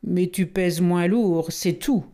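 A woman's voice: fairly low pitch, slow pace, mellow. A woman voicing a stern, protective male panther in a storybook, scolding and exasperated.

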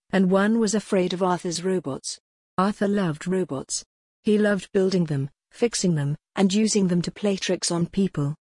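A woman narrating a children's storybook in a steady, even reading voice, giving the characters quiet voices. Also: lowish voice, husky, no room sound. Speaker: audiobook narrator.

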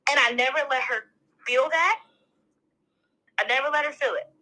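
A young woman, a podcast guest, talking candidly and emotionally in casual chat, with quick bursts of speech. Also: sits high, sharp tone, rough recording.

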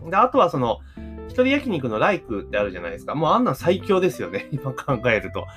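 A man's voice: mid-range voice, wildly swooping pitch, fast talker, fairly bright tone, soft background music. A man hosting a solo podcast, talking casually and thinking aloud, with plenty of fillers and rhetorical questions. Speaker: podcast host.

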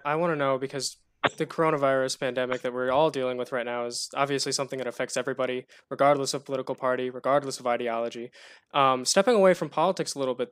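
A young man interviewing a candidate as a student interviewer, asking polite, measured questions. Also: mid-range voice, no echo. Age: young adult.

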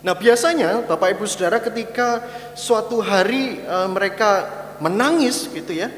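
A man's voice: sits high, moderate pace, a bit bright. A man giving a sermon-style teaching talk, conversational, often turning to address his listeners directly. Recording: echoey hall with faint hum.

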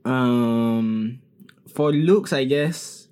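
A man's voice: medium pitch, very slow, darkish tone, clear, resonant tone. A man with a Singaporean accent chatting casually, phrasing his thoughts hesitantly and mixing in words from another language. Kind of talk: casual group chat.

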